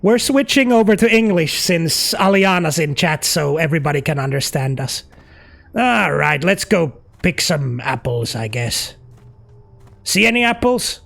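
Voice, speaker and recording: Playful man with a gravelly voice. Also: on the high side, animated, unhurried, a bit bright. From Finland. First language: Finnish. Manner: joking, playful, teasing. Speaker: streamer. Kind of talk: casual live game chat.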